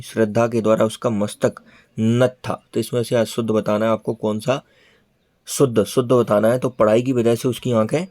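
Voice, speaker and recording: A man's voice: medium pitch, a little mellow, no echo. Man, exam tutor, repeats answers, addresses viewers as friends, dry close recording. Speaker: exam coaching teacher. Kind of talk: online exam lesson.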